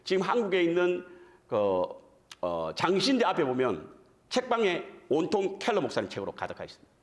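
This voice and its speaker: Animated high-voiced male preacher. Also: fairly quick. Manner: animated, addresses the congregation with frequent questions; conversational, self-deprecating asides. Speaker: guest revival preacher. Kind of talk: sermon.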